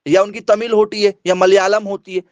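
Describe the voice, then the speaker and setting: High-voiced coaching teacher, dry. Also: male voice, little pitch movement, a little fast, dry recording. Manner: asks questions and answers them himself, repeats key points. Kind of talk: online exam coaching lesson.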